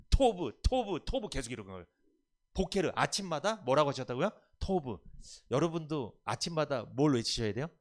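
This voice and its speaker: A male pastor preaching a sermon, asking his congregation questions and answering them himself. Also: fairly high pitch.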